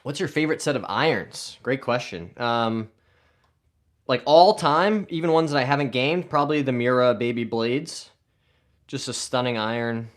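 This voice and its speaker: Hosting a golf live stream, a man with a medium-pitched voice speaks at a normal pace. He casually reads viewer comments out loud and responds to them in an upbeat manner.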